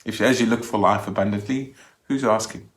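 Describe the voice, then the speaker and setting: A man's voice: fairly low pitch, steady tone, a little fast. A man giving a Sunday reflection as a minister, speaking conversationally and often restarting his sentences.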